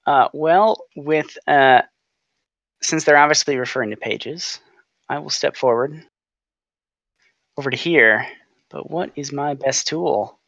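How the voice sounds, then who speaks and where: A man's voice: on the high side, takes it slowly, gravelly, long pauses, a bit bright, no room sound, lo-fi sound. A man talking casually as a tabletop game player, hesitantly thinking aloud.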